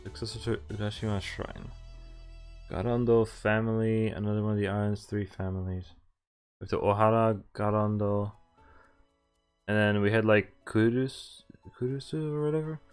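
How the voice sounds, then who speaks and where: A man with a lowish, clear, resonant voice reads a visual novel aloud at a moderate pace with fairly even intonation. He streams a casual playthrough, stumbling over lines now and then and tossing in asides. Game music plays behind him.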